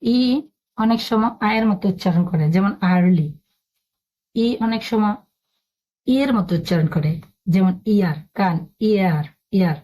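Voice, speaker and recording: A woman's voice: medium pitch, moderate pace, mellow. A woman teaching a spoken lesson, patiently spelling out words letter by letter.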